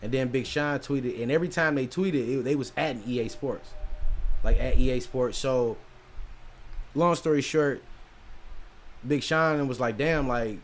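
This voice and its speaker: A young man co-hosting a podcast, bantering loudly in casual chat, animated and profane. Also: mid-range voice, moderate pace, long pauses, slight background noise. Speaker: podcast co-host.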